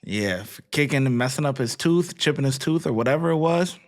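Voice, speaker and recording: A man's voice: mid-range voice, lively intonation, fairly quick. A man hosting a reaction channel, giving casual, slangy commentary on bodycam footage and repeating himself in disbelief.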